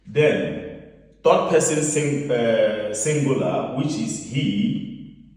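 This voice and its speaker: A man's voice: medium pitch, lively intonation, drawn-out words, a little mellow. A man teaching a beginners' language lesson, repeating words and asking the listener questions. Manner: repetitive, asks the listener questions. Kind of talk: classroom-style lesson. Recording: roomy echoing hall, mic far off.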